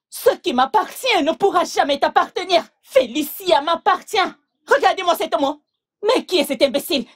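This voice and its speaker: A woman voicing a domineering, scornful mother in a French film dub, mocking and scolding. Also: sits high. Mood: indignant. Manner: mocking and scolding, then hushed and coaxing. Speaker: mother of the bride.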